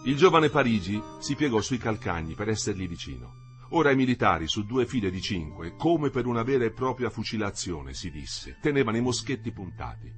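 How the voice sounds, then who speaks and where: A man's voice: lowish voice, sing-song, brisk, soft background music. A man reading a novel aloud as an audiobook narrator, with dramatic phrasing.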